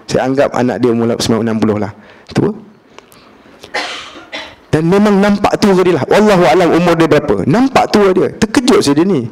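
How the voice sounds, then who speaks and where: A man's voice: fairly high pitch, normal speed, pauses often. A man with a Malaysian accent giving a religious lecture, telling a story with humor, acting out the dialogue and mixing in English words. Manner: lively, humorous, acts out dialogue; colloquial, mixes in English words. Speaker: preacher.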